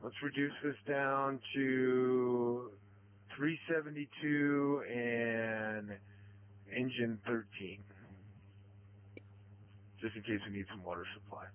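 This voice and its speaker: A man working as a fire commander, giving businesslike, halting instructions to units over a two-way radio. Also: mid-range voice, fairly even intonation. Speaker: firefighter commanding at a fire scene. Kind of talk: firefighter radio traffic, directing units. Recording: muffled lo-fi radio transmission.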